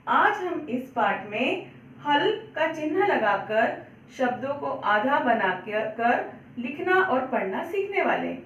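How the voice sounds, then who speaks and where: A woman with a high voice teaches young children at an unhurried pace, repeating each word and answering her own questions. The recording is dull and echoey, with the mic some way from her. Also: very animated, a bit bright, far from the mic, slight background noise. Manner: patient, repeats words slowly, asks and answers own questions. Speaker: primary school Hindi teacher. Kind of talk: children's online lesson.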